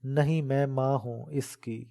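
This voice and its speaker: A man's voice: medium pitch, steady tone, vocal fry, warm tone, lightly acted. A man voicing a fierce, protective old village mother in a dramatic audiobook reading, talking fervently and scolding. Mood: fierce defiance.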